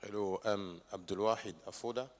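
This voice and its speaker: A man from Togo, a junior diplomat, introducing himself in a halting way with pauses. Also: fairly low pitch, steady tone, a little mellow, slight background noise.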